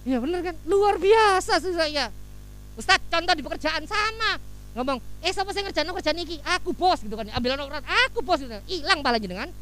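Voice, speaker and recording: A man preaching a lively sermon, acting out little scenes as he tells stories. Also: very high-pitched, quick pace, low-quality recording. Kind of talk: lively sermon with Javanese asides. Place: office hall.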